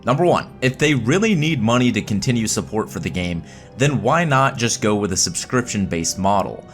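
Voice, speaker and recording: Young guy ranting about games, sarcastic, pitch jumps all over, soft music underneath. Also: normal speed. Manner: animated, mock-excited, sarcastic asides. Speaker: gaming YouTuber. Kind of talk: opinion commentary.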